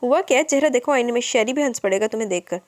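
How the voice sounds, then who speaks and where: A woman's voice: on the high side, fast talker, lightly acted. A woman reading a cheerful, affectionate young woman who teases her brother-in-law. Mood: amused. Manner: amused, affectionate. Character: cheerful, fond older sister-in-law.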